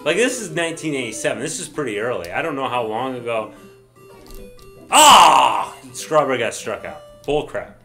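Excitable man yelling at a baseball game. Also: medium pitch, quick pace, soft background music. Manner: excitable, swears mildly, yells at the game. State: says he is drunk. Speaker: let's play gamer. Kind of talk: casual game commentary.

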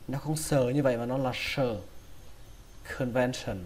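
A man's voice: mid-range voice, little pitch movement, fast, a little mellow. A man with a Vietnamese accent teaching English vocabulary, patiently repeating each word several times. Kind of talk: pronunciation lesson.

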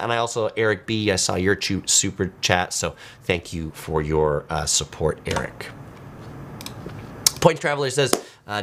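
Recorded indoors in a small home studio, a travel channel host in his forties goes through viewer comments, reading each one and replying in a relaxed way, like he's talking to just one viewer. He has a medium-pitched, slightly bright voice.

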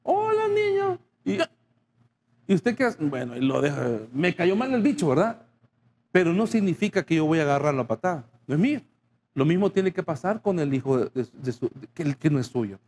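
A man's voice: a little high, lively intonation, brisk, darkish tone, slight background noise. A male pastor preaching a sermon, speaking straight to the congregation and acting out short dialogues. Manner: addresses the congregation directly, acting out little dialogues.

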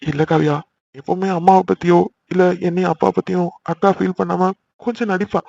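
A man's voice: sits high, steady tone, fairly quick, vocal fry, mellow, dry recording, muffled recording. A man voicing a young brother who bickers with his sisters in a cartoon, exasperated and chatty. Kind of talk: cartoon voice acting.

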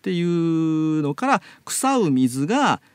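A man hosting a casual web radio chat, explaining things in an animated, storytelling way into a studio mic. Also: on the high side, slow pace, clear, resonant tone, no echo. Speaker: radio show host.

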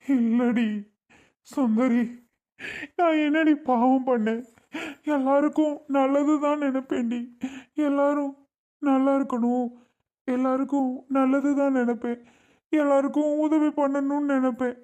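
A man's voice: high-pitched, fairly even intonation, moderate pace, long pauses, highs cut off, lightly acted. A man playing a grieving young husband and brother, lamenting through sobs. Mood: sobbing, anguished. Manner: sobbing, pleading lament. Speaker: actor in a family skit.

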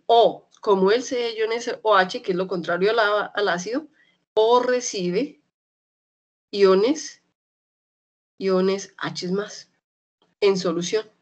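A young adult woman with a Colombian accent from Medellín, teaching an online chemistry class in a chatty way. She keeps checking in with her students and slowly repeats key terms. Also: mid-range voice, a little mellow, dull audio. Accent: Colombian Spanish, Medellín.

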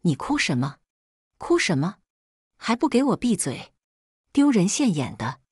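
A woman's voice: mid-range voice, very animated, normal speed, darkish tone, husky, no room sound, studio quality. A woman voicing a domineering, hot-tempered middle-aged mother who scolds shrilly in a raised voice. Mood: furious scolding.

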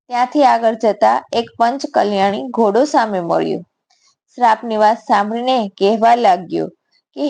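A woman with a Gujarati accent narrating a devotional fasting story in a steady reading voice, voicing the story's animals in short quoted lines. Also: on the high side, creaky.

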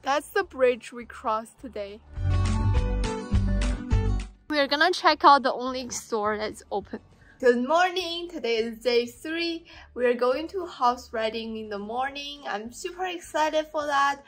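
A young woman with a high, animated, slightly bright voice narrates a casual travel vlog, holding her phone at arm's length as she cheerfully and slowly describes the places she visits. She records both in a car and outdoors during the trip, with background music playing.

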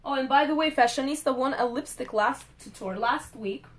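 A woman's voice: high-pitched, a little fast. A young woman hosting a makeup live stream, chatting playfully with viewers as she works. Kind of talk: casual live-stream chat while doing makeup.

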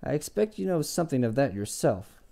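A man's voice: mid-range voice, big pitch swings, brisk, vocal fry, mellow. A man reading aloud and voicing an earnest, persistent young scholar.

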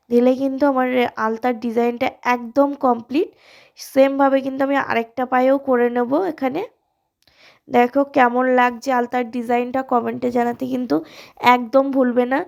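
A woman talks viewers through a craft tutorial, her voice hoarse from a cold. It sits high and stays fairly level in pitch. She sounds friendly and speaks directly to her audience. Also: darkish tone. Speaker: alta design tutorial host. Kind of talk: casual step-by-step tutorial.

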